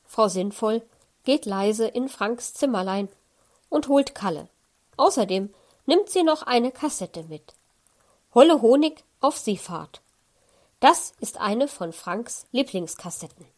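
A woman narrating a children's audiobook in a calm, measured reading voice. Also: on the high side. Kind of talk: scripted children's story narration.

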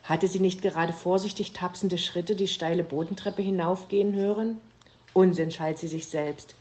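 A woman narrating a children's story with an expressive reading manner. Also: fairly low pitch, normal speed.

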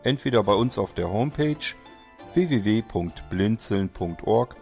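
Male announcer, low voice, scripted outro over faint music. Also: vocal fry. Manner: steady, spells out addresses slowly. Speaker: podcast announcer.

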